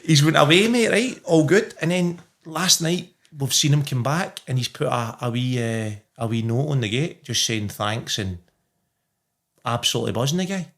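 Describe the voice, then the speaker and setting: A middle-aged man with a Glasgow accent telling casual anecdotes in an animated, sweary way, acting out conversations. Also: medium pitch, moderate pace.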